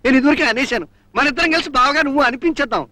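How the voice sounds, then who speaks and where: A man's voice: very high voice, rapid-fire, pushed and bright, no echo. An actor playing a scheming, blustering middle-aged father in a comic film role, who keeps repeating a pet word. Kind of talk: 1970s Telugu film acting.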